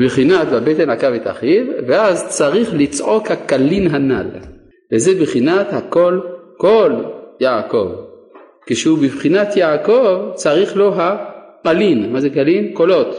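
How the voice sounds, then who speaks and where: A man's voice: a little high, darkish tone. A man teaching a Torah lesson, putting questions to his students and answering them himself. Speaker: rabbi teaching a class. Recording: echoey room with long reverb.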